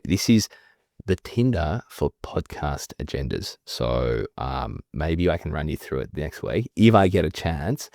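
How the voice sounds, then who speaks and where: A man co-hosting a podcast, talking quick and enthusiastic. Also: dry recording, clean studio sound. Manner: quick, enthusiastic, pitch jumps up when excited. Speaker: podcast co-host. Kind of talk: casual chat.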